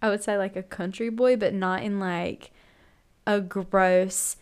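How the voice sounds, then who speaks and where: A woman's voice: mid-range voice, steady tone, unhurried, smooth. Giggly young woman chatting on a podcast. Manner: giggly, filler-heavy, lots of "like". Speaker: podcast co-host. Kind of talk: casual chat.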